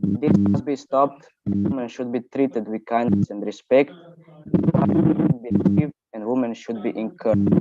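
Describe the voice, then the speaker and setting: A man's voice: fairly low pitch, dark tone. A young man from Croatia, a student speaker, hesitantly reading a prepared speech over a video call. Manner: hesitant, halting reading with fillers. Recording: dull lo-fi call audio.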